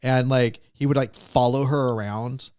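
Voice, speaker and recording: A man's voice: mid-range voice, steady tone, normal speed, darkish tone, clean tone, dry recording, studio quality. A man co-hosting a casual podcast, joking crudely and swearing often. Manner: crude joking, swears a lot, laughs hard. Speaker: podcast co-host. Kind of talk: casual chat.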